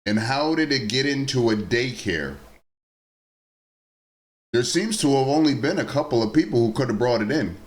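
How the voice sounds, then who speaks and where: Animated man reading and reacting to news. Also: mid-range voice, moderate pace, long pauses. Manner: informal, addresses viewers as nieces and nephews; reads the reports, then adds blunt personal asides. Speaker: news commentary vlogger. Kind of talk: reading news stories aloud and commenting.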